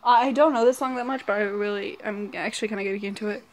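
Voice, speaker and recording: A woman's voice: medium pitch, steady tone, quick pace, a little hiss or hum. A woman vlogging casually at home, playfully talking to her dog and laughing often.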